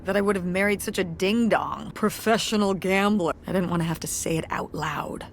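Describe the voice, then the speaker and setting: An actress voices a wry, tired middle-aged mother who runs a community theater, delivering naturalistic game dialogue with dry, self-deprecating humor and an earnest mood. Her mid-range voice moves at normal speed and sounds close to everyday speech, with a little hiss or hum.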